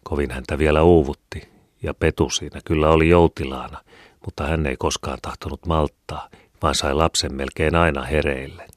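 Male audiobook reader, very low voice, measured and even, dead-dry booth sound. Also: dry recording. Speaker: audiobook narrator. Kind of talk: scripted narration of a classic novel.

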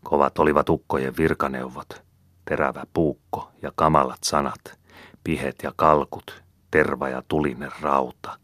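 A man reading a book aloud as an audiobook narrator, steady and measured. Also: rumbling low, no room sound, clean studio sound. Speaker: audiobook reader. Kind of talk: scripted narration.

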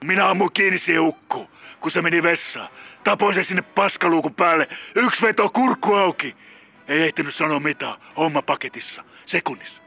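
A man doing a raspy, cursing killer caller. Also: on the high side, voice pushed up, heavily acted. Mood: menacing. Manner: rambling, cursing, bursts into shouting. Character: volatile middle-aged male drug-using killer caller.

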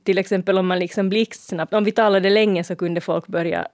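A woman's voice: mid-range voice, fairly even intonation, a little mellow, dry recording, studio quality. A woman with a Finland Swedish accent co-hosting a radio chat, explaining at length and laughing often. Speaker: radio co-host.

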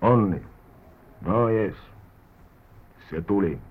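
An actor playing a penniless, worldly drifter in a vintage radio drama, talking wryly and theatrically with stray English words. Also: male voice, lowish voice, breathy edge. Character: poor wandering drifter man, wry and worldly. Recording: tinny old radio broadcast recording.

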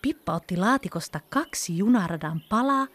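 Lively woman reading a children's story. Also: medium pitch. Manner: expressive, animated storytelling.

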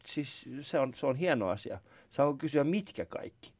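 A man's voice: medium pitch, expressive, a little mellow, breathy edge, no room sound. A man hosting a casual morning radio chat show, telling stories about himself in a chatty, self-mocking way from a studio. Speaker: radio talk show host.

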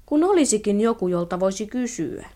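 A woman's voice: mid-range voice, sing-song, warm tone, lightly acted. Taneli, a woman voicing a shy lonely boy. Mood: timid. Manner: timid, glum and self-pitying.

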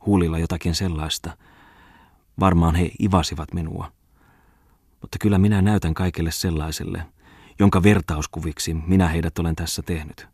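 A man's voice: deep voice, steady tone, a little mellow, breathy edge, dry recording, studio quality. A male audiobook reader voicing a pompous young poet who declaims satirical rhymed verse. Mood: confiding.

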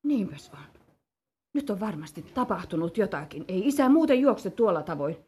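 Worried farm mum, soft, voice rises and falls, a woman acting it. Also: medium pitch, big pitch swings, natural voice. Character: anxious farm mother. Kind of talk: 1950s school radio drama.

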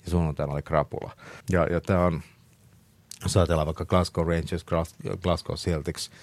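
A man's voice: low voice, little pitch movement. A middle-aged man, a talk show guest, telling stories in a chatty way with many fillers and frequent laughs. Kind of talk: casual storytelling interview.

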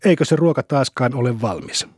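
A man's voice: mid-range voice, animated, darkish tone, breathy edge, no room sound, studio quality. A man doing a sullen, grumbling farmer. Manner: grumbling, curt. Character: sullen, gruff middle-aged farmer husband.

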